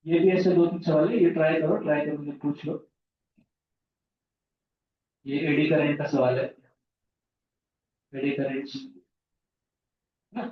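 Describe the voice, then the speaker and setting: A man's voice: a little high, steady tone, unhurried, long pauses, slight background noise. A male physics teacher chatting informally with his class, mixing lesson points with stories. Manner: chatty, jumps between lesson and anecdotes. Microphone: far from the mic. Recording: echoey room, distant mic, dull sound.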